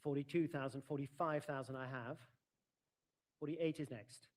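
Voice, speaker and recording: A man's voice: medium pitch, fairly even intonation, normal speed. A man working as an auctioneer, formally and courteously announcing lots and calling out bids at a live sale.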